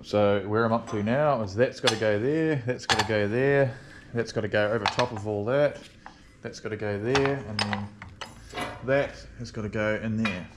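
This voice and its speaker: A man with a somewhat low voice narrates a metalworking project in a relaxed, dry-humoured way. He is recorded in a workshop, and clear noise is heard behind him. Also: normal speed. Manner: laid-back, dry humour. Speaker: welder and fabricator vlogger.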